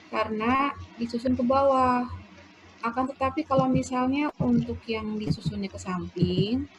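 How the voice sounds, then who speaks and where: A woman teacher giving a lesson, explaining slowly and dictating example sentences aloud. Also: fairly high pitch, lo-fi sound. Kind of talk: classroom lecture on punctuation. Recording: noisy background.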